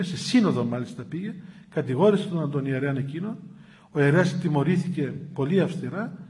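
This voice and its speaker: A man, an Orthodox priest, retelling a confession story in a conversational, animated way with many hesitations and fillers. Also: fairly high pitch. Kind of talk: storytelling talk.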